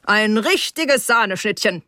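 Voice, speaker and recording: A woman's voice: medium pitch, lively intonation, unhurried, sharp tone, dry recording, clean studio sound. A woman voicing a boozy, jovial middle-aged man who leers and drawls in a storybook reading.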